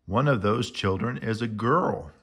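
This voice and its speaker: A man reading aloud as Boris, a bossy male friend who shouts and roars. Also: lowish voice, a little slow, slightly rough, heavily acted. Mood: explaining. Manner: loud, shouting.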